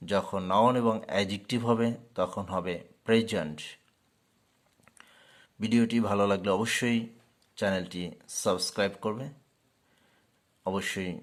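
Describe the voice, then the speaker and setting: A man teaching English pronunciation, slowly and carefully repeating each word as a drill. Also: lowish voice. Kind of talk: pronunciation lesson.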